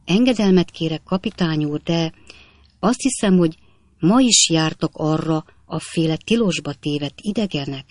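A woman's voice: low voice, lively intonation, a little mellow, dry recording. A woman reading aloud and voicing a timid, deferential male gardener who apologizes to his master. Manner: meek, apologetic, very polite.

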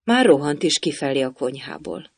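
A man narrating a storybook in a measured, even way. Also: fairly high pitch, gravelly, slightly rough, no room sound. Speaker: audiobook narrator.

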